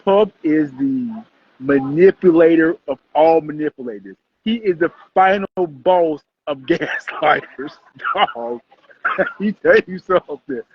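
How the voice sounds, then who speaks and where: A man hosting a casual livestream recap, rambling and animated with constant fillers. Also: on the high side, a little slow, dull audio, a little hiss or hum. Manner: rambling, animated, heavy use of "like". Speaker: host.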